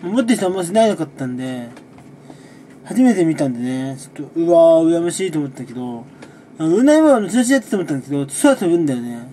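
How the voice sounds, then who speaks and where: A man who makes gaming videos, chatting casually through a monthly recap, relaxed and rambling with frequent chuckles between sips of a drink. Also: fairly high pitch, quick pace, slight background noise. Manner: talks while sipping a drink.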